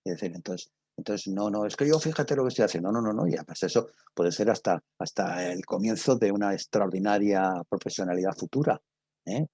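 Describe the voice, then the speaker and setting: This is a radio drama professor, a guest speaker, who is an older man from Spain talking informally and answering questions. He is halting, emphatic and repetitive, with a husky, lowish, dark voice. The recording has no echo.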